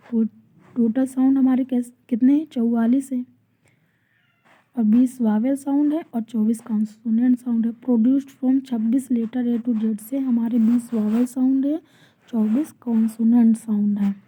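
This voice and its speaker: A woman teaching an exam-prep lesson, asking questions and answering them herself, and reading out English definitions slowly. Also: on the high side, dark tone. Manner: explains by asking and answering her own questions. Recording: tinny phone-like audio.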